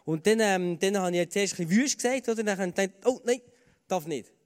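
Earnest Swiss German preacher in a reverberant hall. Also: male voice, sits high, fast, clear, resonant tone. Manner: earnest, conversational, with fillers and repeated starts. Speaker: pastor. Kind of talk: sermon with personal stories.

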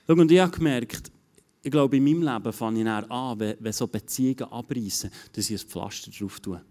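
A man's voice: mid-range voice, brisk, mellow. A man preaching a sermon, earnest and given to repeating his phrases. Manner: earnest, repeats phrases and restarts, acts out quoted inner voices.

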